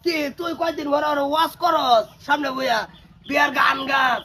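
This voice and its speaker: Man, loud rapid scolding banter; very high and bright, a bit off mic. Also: recorded from a distance. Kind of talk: rural comedy sketch.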